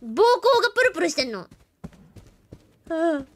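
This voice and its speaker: A woman's voice: high-pitched, very animated, moderate pace, fairly bright tone. A woman streaming a horror game, chatting nervously and joking about herself as she plays. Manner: jittery, chatty, self-mocking. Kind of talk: live game commentary.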